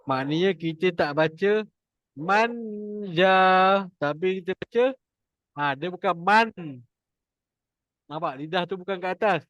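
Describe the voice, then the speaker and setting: A man with a Malaysian Malay accent teaching Quran recitation online, demonstrating sounds slowly and repeating them for students. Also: sits high, a bit bright, dry recording, muffled recording. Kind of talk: online class instruction.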